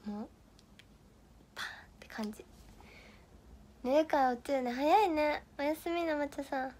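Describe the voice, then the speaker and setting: Young woman, high voice, giggly, playful livestream chat, answering viewer comments. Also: moderate pace, darkish tone. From Miyagi, Japan. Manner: giggly, playful, stumbling through tongue twisters. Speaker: idol livestream host.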